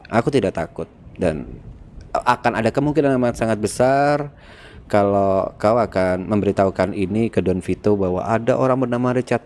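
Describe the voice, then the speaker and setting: Man, somewhat low voice, roleplay character, formal and deliberate delivery, faint room hum. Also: a little mellow. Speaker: roleplay player proposing an alliance.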